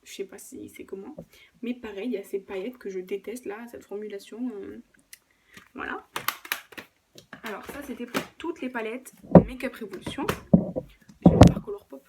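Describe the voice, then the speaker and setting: A woman's voice: medium pitch, moderate pace, pauses often, noisy background. A woman vlogger talking casually through her makeup collection at home, hesitating often and correcting herself. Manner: chatty, lots of hesitations and self-corrections. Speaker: beauty vlogger. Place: at home, filming with a camera on a tripod. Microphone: camera mic on a tripod.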